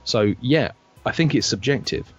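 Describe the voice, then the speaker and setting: A man's voice: medium pitch, lively intonation, moderate pace, slightly rough, highs cut off, faint music behind. A man who is a guest on a podcast, chatting casually and often stumbling over his words. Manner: hesitant, restarts a lot. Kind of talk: casual panel chat.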